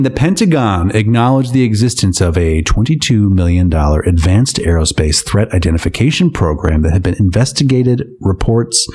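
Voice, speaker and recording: Sarcastic man reading odd news. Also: lowish voice. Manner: sarcastic, deadpan asides. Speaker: podcast co-host. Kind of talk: comedic news-reading chat.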